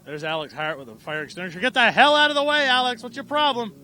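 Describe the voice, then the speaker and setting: A man with a high, sharp voice calls a live race outdoors at a small racetrack. He is loose and irreverent, swears freely, and gets excited as the cars tangle. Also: fast, a little hiss or hum. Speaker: race announcer.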